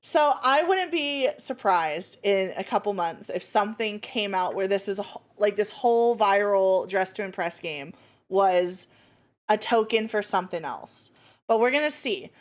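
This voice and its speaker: A woman's voice: mid-range voice, animated, measured pace. A woman streamer chatting casually and expressively as she reacts to a video, with swearing mixed in.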